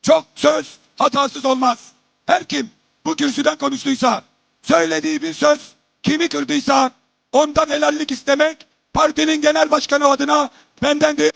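Man, podium microphone, formal rally speech, high voice, gravelly. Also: flat delivery, normal speed, fairly bright tone, no echo. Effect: speaking into a podium microphone. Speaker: party official addressing a congress.

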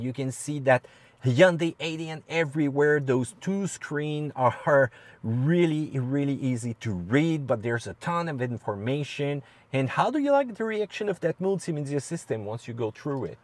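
A man with a French Canadian accent hosting a casual car review, playful and quick to laugh as he questions his co-host. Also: a little high, animated, dry recording.

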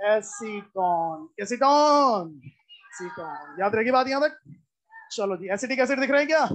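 A woman's voice: high-pitched, quick pace. A woman teaching a live class in a lecture, repeating key points and constantly quizzing her students. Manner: repetitive, drilling explanations.

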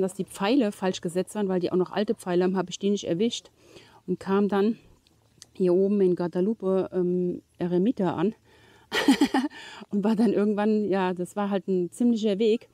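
A hiking vlogger in middle age, her voice warm and medium-pitched with no room sound, chats casually into an arm's-length camera on a forest trail. She's slightly breathless, meanders, and fills her talk with fillers and laughter.

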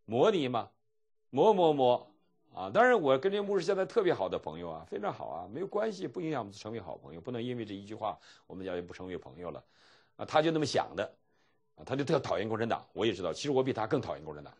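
A middle-aged man from mainland China gives a seminary lecture as pastor and teacher. His voice sits fairly low and a little husky, and it swings widely in pitch as he acts out dialogue with chuckles. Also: very fast. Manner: animated storytelling, acting out dialogue with chuckles.

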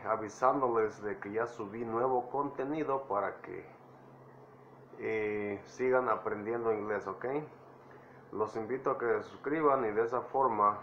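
A man's voice: on the low side, fairly bright tone, muffled recording, a little hiss or hum. A man giving an online language lesson, repeating each phrase and often checking with "ok?". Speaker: English teacher.

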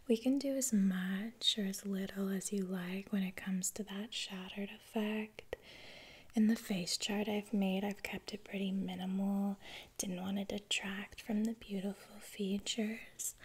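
A young adult woman in a whispered role-play, playing a flattering, sassy Valley Girl makeup artist, close to the microphone. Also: medium pitch, slight background noise. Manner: slow, breathy, chatty whispering with affirming murmurs. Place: small furnished room, indoors.

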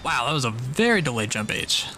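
A man doing live play-by-play commentary on a fighting game tournament, jokey and excitable, munching on food as he talks. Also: mid-range voice, brisk. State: eating while talking. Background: music playing behind.

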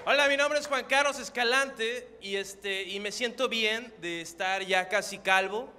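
A young man from Acapulco doing stand-up on a theater stage with a dry, deadpan, self-deprecating delivery. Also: sits high, a little slow, in a large hall, slight background noise. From Acapulco, Mexico. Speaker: stand-up comedian. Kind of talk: stand-up comedy. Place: theater stage before a live audience.

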